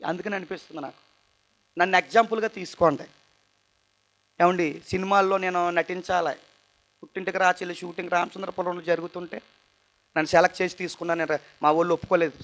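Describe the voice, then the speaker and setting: A young man telling his personal testimony at a church youth meeting, tired and earnest, his voice moving between loud bursts and quiet asides. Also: high voice. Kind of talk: emotional testimony sermon.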